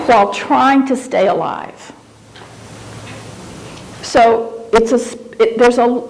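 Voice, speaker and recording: Higher-voiced woman giving a reflective lecture. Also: darkish tone, rough recording. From Japan. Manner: reflective, conversational, searching for words. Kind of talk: conference lecture. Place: auditorium.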